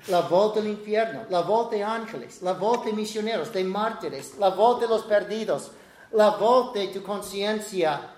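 High-pitched guy preaching, loud then soft, acts out voices, echoey room. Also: a little hiss or hum. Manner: animated, swings from loud to soft, acts out quotes. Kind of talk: sermon.

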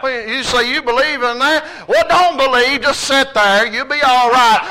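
Southern preacher guy, folksy drawl, really high piercing bright voice, fired up revival sermon, repeats himself for effect. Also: normal speed, rough recording.

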